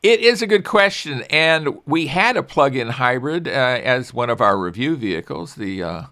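A man's voice: mid-range voice, very animated, normal speed, sharp tone. Chatty older male car-show host. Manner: chatty, self-deprecating, many restarts. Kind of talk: casual car-review talk.

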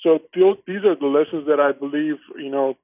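A man's voice: on the high side, a little fast, no room sound. Armenian man on a tinny phone line. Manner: earnest, restarts often with "you know". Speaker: guest. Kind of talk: casual interview.

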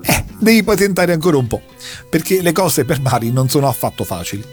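A man's voice: a little high, big pitch swings, brisk, darkish tone, faint music behind. A man recounting a long story in a casual chat, telling it with dramatic flair. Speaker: podcast host recounting an anime plot.

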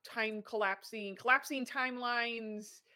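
A woman's voice: fairly high pitch, steady tone, unhurried, sharp tone. A woman hosting a casual interview chat, chatty and playful. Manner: chatty, playful, says "y'all". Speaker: podcast host, medium.

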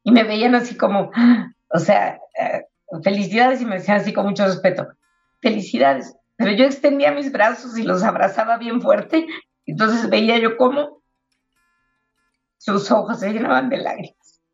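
Lady telling a faith story on the radio, gravelly voice, dull lo-fi sound, faint guitar behind. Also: a little high, normal speed. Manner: warm storytelling with religious exhortation. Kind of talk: spiritual testimony on radio. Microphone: radio studio microphone.

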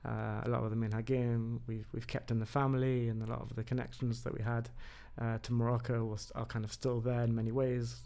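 Gravelly man, halting with many fillers. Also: medium pitch, little pitch movement, warm tone. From England. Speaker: podcast guest. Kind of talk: casual conversation.

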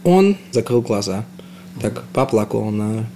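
Young man, casual halting interview answers, faint noise. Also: on the low side, sing-song, gravelly, dark tone. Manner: hesitant, halting, with frequent restarts. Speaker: interview guest. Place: house.

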